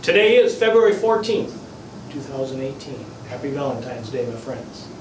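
A man's voice: mid-range voice, very animated, moderate pace, crowd noise. A man officiating a vow renewal as an [name] impersonator, ceremonial with playful catchphrases. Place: small indoor wedding chapel. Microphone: distant camera mic. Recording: echoey room, distant mic, faint noise.

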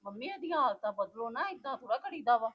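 A woman's voice: on the high side, animated, fast talker, husky, lo-fi sound. A woman playing a married daughter, talking in a pleading and reproachful way in a family web drama. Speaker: married daughter visiting her mother.

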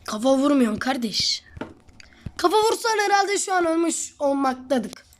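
Very animated and high-pitched, the host speaks at a moderate pace while commenting on her gameplay, teasing her teammate, and addressing viewers. She mentions being sick. A little hiss or hum runs under the recording.

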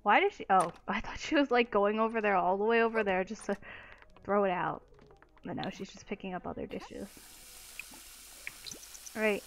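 A woman's voice: medium pitch, normal speed, long pauses, a little hiss or hum. A young woman giving casual, exclamatory commentary while playing a life-sim game, swearing freely. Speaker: let's play gamer.

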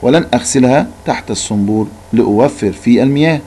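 A male teacher reading a mother's lines slowly and clearly in a school lesson. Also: mid-range voice, dark tone, slight background noise, lightly acted. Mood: calm. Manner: slow, clear reading-aloud delivery. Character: mother in a school reading, calm adult woman.

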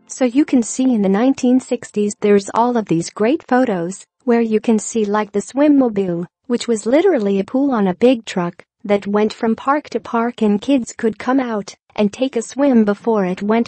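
A woman giving a scripted narration of a news article, reading straight through the text in a flat manner. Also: fairly high pitch. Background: music.

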